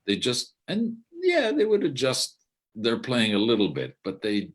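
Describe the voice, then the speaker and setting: A man's voice: mid-range voice, wildly swooping pitch, a little slow, breathy edge. An older man, a theatre director, telling stories from his career in a rambling way, with frequent restarts and casual swearing. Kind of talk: rambling reflective monologue.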